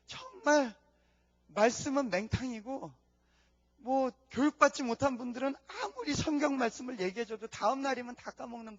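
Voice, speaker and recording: A man's voice: extremely high pitch, muffled recording. A man who is a missionary, preaching a testimony sermon in an earnest storytelling way. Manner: earnest storytelling, drops to hushed tones for prayers. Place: church conference hall.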